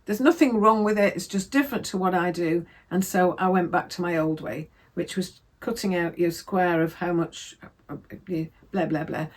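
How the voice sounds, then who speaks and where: A woman chatting casually about her sewing projects, rambling and correcting herself as she goes. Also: lowish voice. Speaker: sewing vlogger. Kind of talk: casual crafting chat.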